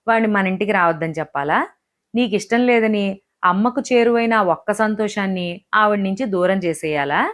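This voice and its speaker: A frustrated young husband, heated and reproachful, pleading and bitter by turns, as a woman storyteller reads him. The storybook voice keeps close to the reader's own middle pitch. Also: close to an everyday voice. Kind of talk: audiobook character voice.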